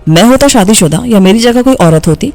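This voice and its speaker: A bitter young engineer scolds in a harsh, accusing voice, as a woman reads him for an audiobook. The pitch sits in an even middle range, with faint music underneath. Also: lightly acted. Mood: angry. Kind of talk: audiobook dialogue reading.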